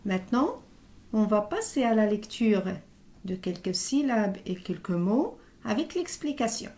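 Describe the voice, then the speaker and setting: A woman teaching a reading lesson to young children, sounding out letters and syllables slowly and deliberately. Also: medium pitch, very animated, mellow. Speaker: primary school teacher.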